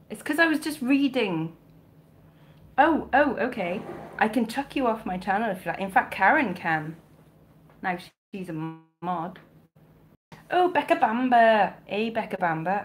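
Answering comments on her home live stream, a Welsh woman in her thirties from South Wales chats and jokes, poking fun at herself with quick asides. She resells vintage clothing and streams from an indoor bedroom with shelves via a close-up webcam or phone. Her medium-pitched, animated voice keeps a measured pace with frequent pauses, over a little hiss or hum.

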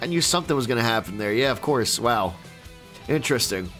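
A man bantering excitedly as he plays a game against a friend, exclaiming and repeating his phrases. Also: mid-range voice, fairly quick, faint music behind. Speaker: gaming video host playing a battle against a friend.

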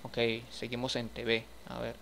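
A man's voice: mid-range voice, monotone, moderate pace, vocal fry, a bit bright, slight background noise. A man giving casual gameplay commentary, chatting to his viewers as he furnishes a house in a game. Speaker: gaming streamer.

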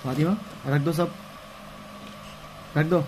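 A young man talking fondly and chattily to the camera at home, gently scolding a toddler. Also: on the high side, steady tone, slow pace. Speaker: family vlogger. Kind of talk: casual home vlog chat. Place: home room with babies. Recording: noisy home phone recording.

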